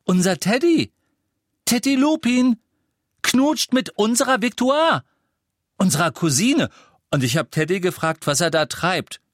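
A man voicing an excited, breathless schoolboy who blurts out gossip. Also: mid-range voice, normal speed, dry recording, clean studio sound, voice pushed up, close to an everyday voice. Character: excited boy James, loud, breathless, boastful.

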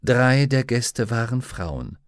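A man reading a novel aloud as an audiobook narrator, calm and even. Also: medium pitch, slow pace, no room sound, clean studio sound. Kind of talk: scripted narration.

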